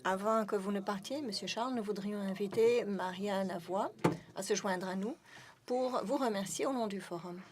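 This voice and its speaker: A woman's voice: mid-range voice, normal speed, very noisy. A woman giving live interpretation of a speech, with frequent hesitations and self-corrections. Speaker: simultaneous interpreter.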